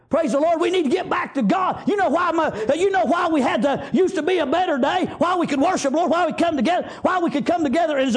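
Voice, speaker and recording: A man with a Southern US accent and an extremely high-pitched voice preaches a fervent revivalist sermon. He exhorts loudly and scatters praise interjections throughout.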